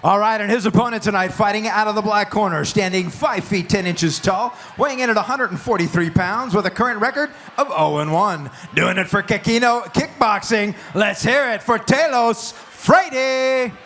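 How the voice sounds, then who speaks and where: A man announcing fighters in a booming, showmanlike style, stretching out their names, over a venue sound system. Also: normal speed, hardly any pauses, a bit bright. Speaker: ring announcer. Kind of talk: fighter introductions with drawn-out names. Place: large indoor fight venue. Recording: echoey venue PA with faint crowd noise.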